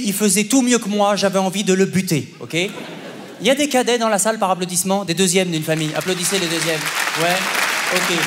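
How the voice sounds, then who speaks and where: A man's voice: high-pitched, a bit bright, a little hiss or hum. A young man doing stand-up comedy on a festival stage, punchy and conversational, with live audience laughter. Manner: punchy, conversational, often checks in with "ok?". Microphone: stage microphone. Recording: long hall reverb, live audience. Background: audience laughter and applause.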